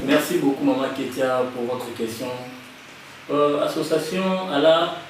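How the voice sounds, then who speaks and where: A young man with a Congolese French accent answers questions in a halting way, restarting often and slipping into Lingala. He sits some distance from the mic in a very echoey room, with faint noise behind. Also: medium pitch. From Kinshasa, Congo. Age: young adult. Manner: hesitant, many restarts and fillers, mixes in Lingala. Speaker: guest, association president. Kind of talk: interview answers.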